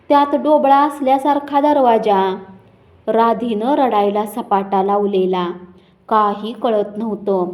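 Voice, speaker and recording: A woman's voice: on the high side, a little mellow. A woman narrating a dramatic rural story, raising her voice for heated village characters.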